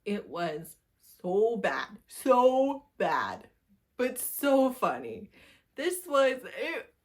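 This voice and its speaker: In a casual monthly reading wrap-up chat, a woman reviews a book in a giggly, gushing way, laughing often and repeating words for emphasis. Her voice is fairly high and very animated, yet she speaks extremely slowly.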